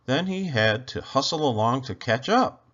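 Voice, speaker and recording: Lively male storybook narrator, slightly muffled recording. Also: medium pitch, moderate pace. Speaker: children's book reader. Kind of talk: scripted storybook narration, read aloud.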